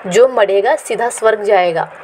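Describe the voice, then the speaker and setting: Storybook reading: a woman voicing a calm old guru, reassuring and steady. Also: mid-range voice, moderate pace, slight background noise, natural voice. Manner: reassuring, stern with guards. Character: calm old male holy teacher.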